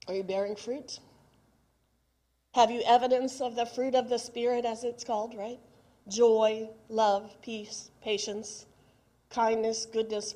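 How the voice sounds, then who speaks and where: A middle-aged woman pastor with a warm, medium-pitched voice preaches a sermon conversationally, putting questions directly to the congregation.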